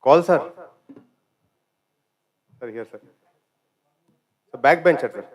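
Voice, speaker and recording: Brief Indian alumnus in his forties, slightly high voice, very deferential. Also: takes it slowly. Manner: deferential, says sir constantly. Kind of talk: audience tribute.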